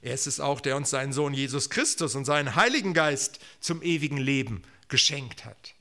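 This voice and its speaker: A man preaching a sermon, swinging between loud proclamations and quiet, almost whispered asides. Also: medium pitch, moderate pace.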